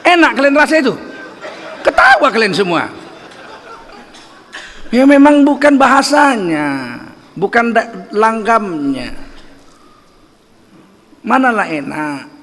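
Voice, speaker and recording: A man's voice: extremely high pitch, sing-song, slow, long pauses, fairly bright tone, in a large hall, a faint crowd. A middle-aged man preaching a religious lecture in a mosque, emphatic and full of rhetorical questions to the audience. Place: mosque hall.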